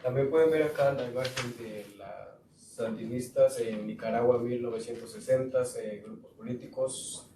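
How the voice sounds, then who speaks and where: A man from Guatemala giving a student presentation to a school board, pausing often with fillers. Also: medium pitch, fairly even intonation, a crowd in the background. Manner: halting, with frequent fillers. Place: school board meeting room. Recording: echoey room, far mic, noisy.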